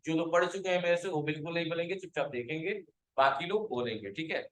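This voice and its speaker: A man's voice: a little high, fast, a bit bright, reverberant, poor audio. A male computer teacher giving a classroom lecture, quizzing his students, calling them to stand and scolding those who have not understood.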